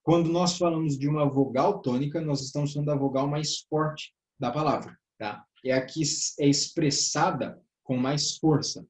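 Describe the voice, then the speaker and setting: Here a man with a southern Brazilian accent leads a classroom grammar lesson for church workers, talking at normal speed with hardly any pauses in a slightly high, darkish voice. He goes step by step, checks in with "tá?" or "né?", and addresses the group as brothers, all in an echoey room.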